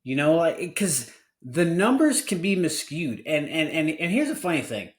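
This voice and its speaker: A man's voice: on the high side, very animated, normal speed, echoey room. Earnest forty-year-old podcast host, a man. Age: 40s. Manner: candid and earnest, with frequent restarts. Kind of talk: casual podcast conversation.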